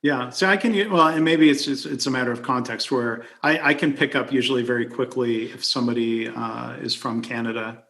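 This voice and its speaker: A podcast host from near Detroit, USA, keeps a casual conversation going with friendly, curious questions and lots of fillers. His medium-pitched voice is gravelly and slightly bright, and he talks a little fast, barely pausing.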